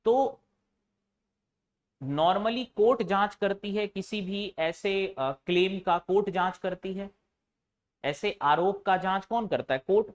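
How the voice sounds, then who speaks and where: A man's voice: sits high, slow. A male teacher giving a classroom lecture, asking his students questions and answering them himself, and teasing them now and then.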